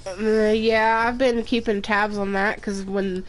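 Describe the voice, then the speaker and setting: A woman's voice: medium pitch, little pitch movement. A woman game streamer chatting casually and gossiping while she plays. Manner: chatty, gossipy, slow-spoken. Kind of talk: casual chat while playing. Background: faint game music.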